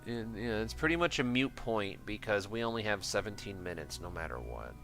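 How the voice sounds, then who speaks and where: Faint music plays behind a fairly low, brisk, animated voice with a fairly bright tone. He's an American-accented streamer from Michigan, cracking jokes during gameplay and bantering with viewers in slangy, self-mocking language.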